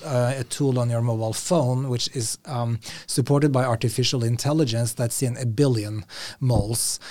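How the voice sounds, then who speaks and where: A man's voice: medium pitch, a little mellow, no echo. A man hosting an interview podcast, thoughtful and sometimes searching for words. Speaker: podcast host.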